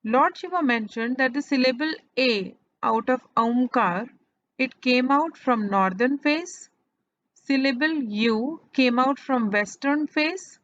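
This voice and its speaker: Slow-spoken woman narrating scripture. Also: a little high, fairly bright tone, muffled recording. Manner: slow, deliberate retelling with pauses. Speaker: scripture reader. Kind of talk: measured devotional narration.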